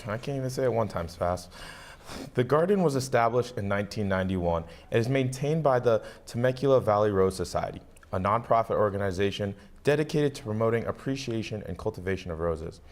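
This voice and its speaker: A man's voice: on the low side, fairly quick. Young man co-hosting student local news. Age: young adult. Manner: relaxed, friendly scripted read with light quips. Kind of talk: scripted local news feature.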